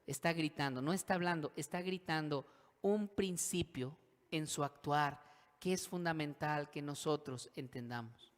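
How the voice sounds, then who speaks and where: A man's voice: on the high side, measured pace. Dramatic preaching man in a reverberant hall. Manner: dramatic preaching with acted inner voices and call-and-response. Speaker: pastor. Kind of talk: sermon. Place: church hall.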